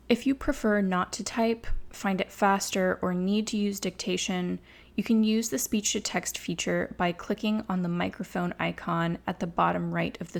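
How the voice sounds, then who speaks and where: A woman reading a scripted software tutorial in a measured, instructional way. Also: fairly low pitch, vocal fry. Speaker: tutorial narrator.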